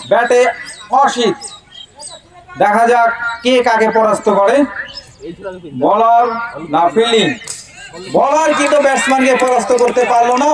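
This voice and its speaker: Guy w doing amateur cricket commentary, really high voice, repeats stuff, crowd loud behind him. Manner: repeats phrases for emphasis. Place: outdoors at a local cricket ground. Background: match crowd.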